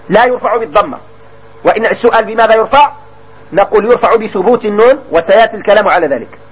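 A Moroccan man with a strikingly high voice leads a grammar lesson in a classroom style. He keeps questioning his listeners and stretches each example word out slowly. The recording is dull and lo-fi. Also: slightly rough. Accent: Moroccan Arabic. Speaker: grammar teacher.

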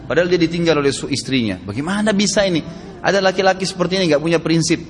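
A man preaching an Islamic sermon, forceful and emphatic, often asking rhetorical questions. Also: fairly high pitch, animated, quick pace, slight background noise. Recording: hall reverb with faint music behind.

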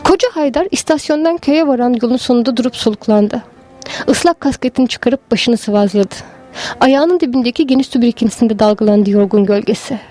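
A woman giving a slow, measured, lyrical literary narration of a story. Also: fairly high pitch, mellow, soft background music. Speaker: story reader.

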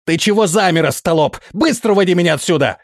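A man doing a shrill, squealing panicky prince. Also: very animated, moderate pace, no echo, clean studio sound. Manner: squealing, whiny, bossy outbursts. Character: panicky, shrill, petulant male prince, middle-aged.

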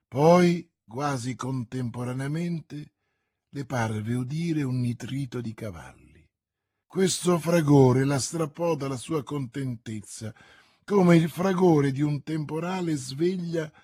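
A man narrating a classic novel as an audiobook, in a measured, dramatic storytelling manner. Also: mid-range voice, warm tone, breathy edge, no room sound, studio quality.

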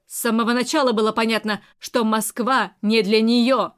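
A woman's voice: on the high side, fairly even intonation, normal speed, clear, resonant tone, natural voice. A woman reading the part of a scornful, domineering aunt who mocks the people she talks to. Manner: mocking, scornful. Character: sharp-tongued older aunt, mocking and domineering.

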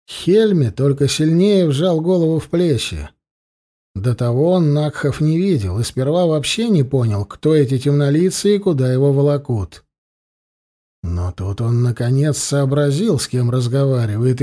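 A man narrating an audiobook in a measured, expressive storytelling manner. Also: medium pitch.

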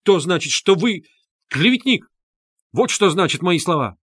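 A high, loud, excitable young man, put on by a male reader insists on what he saw and repeats himself in a heated rush. His voice climbs well above an ordinary tone and sits close and dry in a storybook reading. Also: normal speed, slightly rough, no room sound. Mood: indignant. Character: excitable indignant young man, earnest witness.

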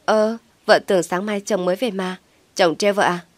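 A woman's voice: medium pitch, fairly even intonation, normal speed, no echo, lightly acted. A woman voicing a sly young wife who teases her husband and fakes concern in an audio story. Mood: teasing.

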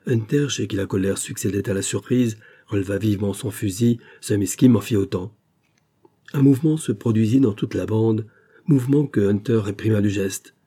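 A male audiobook narrator with a husky, dark voice, pitched somewhat low. He reads steadily and measuredly, in plain scripted narration.

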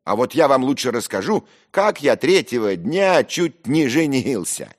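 A man's voice: mid-range voice, very animated, unhurried, voice pushed up. A man voicing a pompous young man who talks down to others and gives orders. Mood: commanding. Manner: pompous, condescending, commanding. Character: pompous self-assured young man, condescending.

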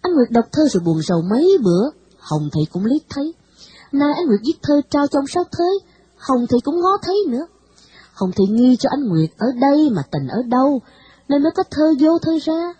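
A woman reading a novel aloud with expressive storytelling. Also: sits high, brisk, rough recording. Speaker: narrator. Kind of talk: audiobook narration of a novel.

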